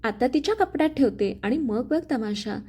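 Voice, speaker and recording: A woman's voice: a little high, expressive, normal speed, a little mellow, slightly rough. A woman voicing a spiteful, scheming young sister-in-law in a spoken family story, with a sneering, taunting manner.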